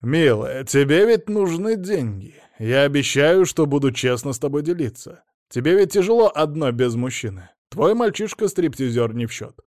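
A man reading as a smooth-talking greedy ex-husband. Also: on the high side, lively intonation, moderate pace, few pauses, a little mellow, no room sound, clean studio sound, lightly acted. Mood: wheedling. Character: scheming greedy ex-husband, middle-aged man.

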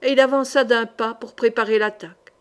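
A woman audiobook reader narrating a historical novel in a measured, dramatic storytelling manner. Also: on the high side, fairly even intonation, clear, resonant tone.

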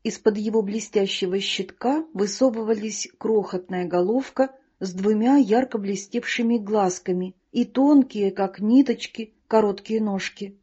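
A woman's voice: medium pitch, unhurried, hardly any pauses, warm tone, breathy edge. A woman reading a children's story aloud as the narrator. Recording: dull lo-fi recording.

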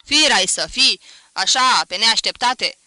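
A woman voicing a flustered village mother who scolds her son in loud exclamations in a storybook reading. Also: fairly high pitch, expressive, clean tone, no room sound. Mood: scolding.

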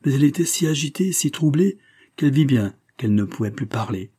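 A man narrating a classic novel in a calm, measured audiobook reading. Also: medium pitch, slightly rough.

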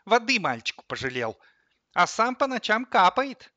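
A man voicing a shrill, quarrelsome female coffee grinder in an audio story, squealing. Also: sing-song, normal speed, pushed and bright, no room sound, highs cut off, exaggerated voice. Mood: squabbling.

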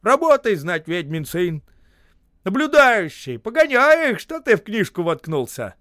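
A man voicing a loud, gruff older male work foreman who scolds and bellows orders. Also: fairly high pitch, slow, no room sound, studio quality, voice pushed up. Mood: shouting.

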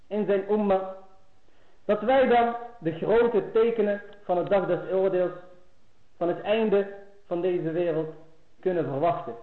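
A man with a high voice gives an earnest Islamic lecture, pressing harder on each key phrase. The recording is thin and phone-like, and it echoes as if from a bare room. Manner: earnest, rises in pitch and force on key phrases.

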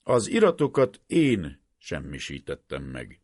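A man voicing a calm, serious male professor who makes firm, principled declarations. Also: extremely low pitch, slightly rough, no echo, clean studio sound, full character voice.

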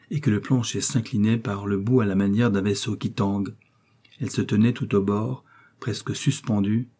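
A man narrating a classic novel as an audiobook, in a measured, grave storytelling manner. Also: lowish voice, mellow, slightly rough.

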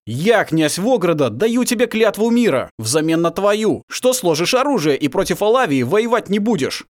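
A man's voice: high voice, big pitch swings, moderate pace, pitched above the performer's own voice. A man voicing a young, resolute human prince, speaking with force in a raised voice. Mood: solemn oath.

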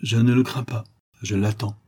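A man's voice: medium pitch, flat delivery, normal speed, dark tone, husky. A man voicing a proud young nobleman avenger who speaks with earnest emotion, read in a storybook.

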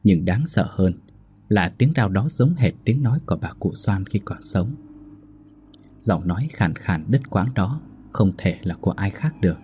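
A man narrating a ghost story in a steady, suspenseful way. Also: deep voice, measured pace, a little hiss or hum.

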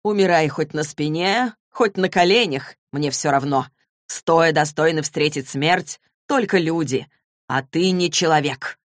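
Woman reader as a menacing older warrior father, contemptuous and low, recorded dry. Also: measured pace, no room sound. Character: furious cruel older male warrior father.

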